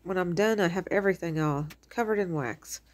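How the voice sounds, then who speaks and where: This middle-aged crafting host talks fairly quickly in a lowish voice, slightly stuffy because of allergies. Filming a casual craft tutorial in her home kitchen, she meanders along chattily with frequent fillers.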